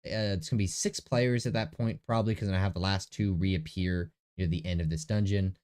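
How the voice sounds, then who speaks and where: Talking a little fast in a low, steady, darkish and smooth voice with a nasal quality, a young man preps a tabletop game session from his bedroom. He rambles, corrects himself and thinks aloud in this casual screen-recorded vlog, with a faint room echo audible.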